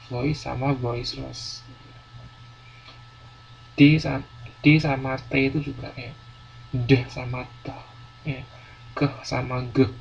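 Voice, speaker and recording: Gravelly man lecturing a class. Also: mid-range voice. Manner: explains patiently, repeats words, many fillers. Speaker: university lecturer. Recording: dull lo-fi classroom recording, faint noise.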